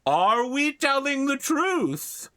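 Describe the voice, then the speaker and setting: A man plays a dopey, stubborn bridge troll from a fantasy tabletop game. The voice is pushed up high into a slow, bright cartoon bellow, recorded close and dry. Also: big pitch swings, dry recording, full character voice. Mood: dopey, contrary. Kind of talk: fantasy tabletop role-play.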